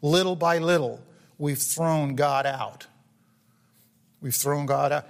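Earnest preacher in a reverberant hall. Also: male voice, a little high, slow pace, creaky. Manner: earnest, frequent fillers and restarts, asks the congregation questions. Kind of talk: sermon.

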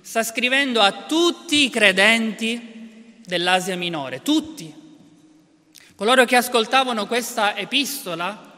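A man preaching a sermon, emphatic, building to loud declarations and then dropping quiet. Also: sits high, animated, unhurried, big-room sound. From Italy. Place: church hall.

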